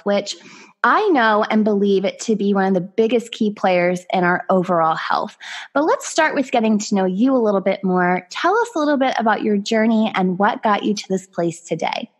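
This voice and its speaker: A woman's voice: mid-range voice, lively intonation, normal speed. A woman hosting a podcast, reading an earnest intro and then interviewing her guest in an upbeat, encouraging way. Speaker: podcast host.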